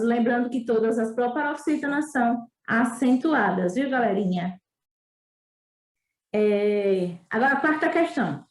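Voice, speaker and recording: A Brazilian woman with a northeastern accent and a high voice teaches a remote lesson. She is chatty and encouraging and keeps checking in with her pupils as she walks through the exercises. The sound is echoey, as if taped in a bare room. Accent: Brazilian Portuguese, northeastern.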